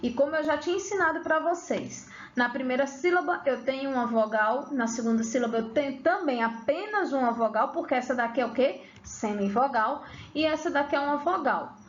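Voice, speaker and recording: High-voiced, lively teacher woman. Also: brisk, dull audio. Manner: lively, asks questions to students and answers herself. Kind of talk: online grammar lesson.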